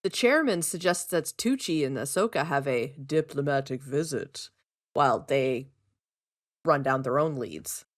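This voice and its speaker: A woman co-host talks through an episode recap in a loose, chatty way. Her pitch swoops up and down freely as she gets excited, and she breaks into giggles and dry sarcastic asides. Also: measured pace. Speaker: podcast co-host.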